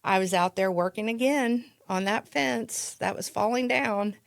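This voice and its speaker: A woman's voice: medium pitch, a little slow, creaky, no room sound, studio quality. A woman with a Midwestern American accent, a podcast guest telling a story in a chatty, casual way. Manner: chatty, with restarts and laughs. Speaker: podcast guest, real estate agent.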